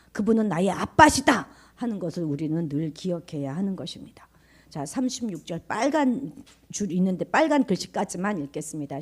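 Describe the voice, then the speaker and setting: Whispering, animated woman pastor preaching. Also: medium pitch. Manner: swings between raised emphatic lines and hushed whispers; conversational, asks the congregation questions. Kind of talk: sermon. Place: church.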